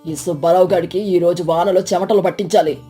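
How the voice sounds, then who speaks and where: A woman's voice: lowish voice, steady tone, a little fast, dark tone, faint music behind, voice pushed down, lightly acted. A woman voicing a stern, grave male village elder in a storybook tale. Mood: plotting. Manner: solemn, scheming.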